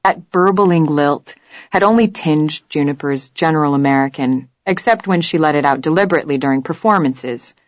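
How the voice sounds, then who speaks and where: A woman narrating an audiobook in a measured, even storytelling manner. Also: low-pitched, dry recording, dull audio. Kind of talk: scripted narration.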